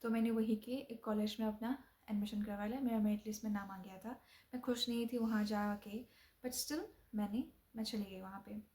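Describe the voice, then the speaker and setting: A woman's voice: medium pitch, fairly even intonation, normal speed, dark tone. A young woman from Assam telling a personal story casually, with fillers and restarts and bits of English mixed in. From Assam, India. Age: young adult. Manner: chatty, frequent fillers and restarts, mixes in English phrases.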